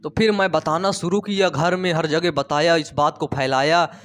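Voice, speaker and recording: A man's voice: fairly high pitch, fairly even intonation, moderate pace, a bit bright. A man teaching biology in a playful storytelling way, asking his students questions and repeating the key terms. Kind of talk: storytelling classroom lecture.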